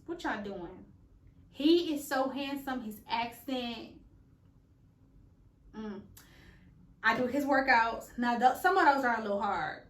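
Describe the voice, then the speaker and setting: A woman, her voice sitting a little high. She is candid and playful and drops slangy asides. The room around her is echoey. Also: a bit bright. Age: late 20s. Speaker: vlogger. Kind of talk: casual vlog chat.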